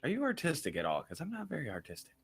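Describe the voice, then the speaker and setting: A man playing a tabletop game, playful and quick to jump into character. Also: fairly high pitch, wildly swooping pitch, gravelly, husky, soft background music. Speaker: player. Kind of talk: casual tabletop play.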